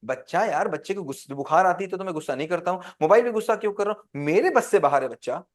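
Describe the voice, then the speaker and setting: High-voiced man teaching a class. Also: lively intonation, fast talker. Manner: quizzes the class with call-and-response questions. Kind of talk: interactive class lecture.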